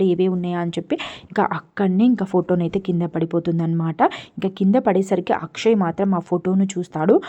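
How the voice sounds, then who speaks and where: A woman's voice: fairly low pitch, dark tone. A woman, animatedly retelling a TV serial episode with many fillers. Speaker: TV serial reviewer.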